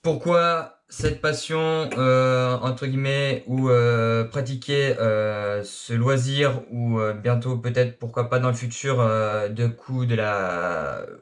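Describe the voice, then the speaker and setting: A man's voice: mid-range voice, slow, hardly any pauses. Hesitant young Frenchman. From France. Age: young adult. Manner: hesitant, many filler sounds. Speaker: RC hobby YouTuber. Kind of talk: casual self-introduction. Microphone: action camera.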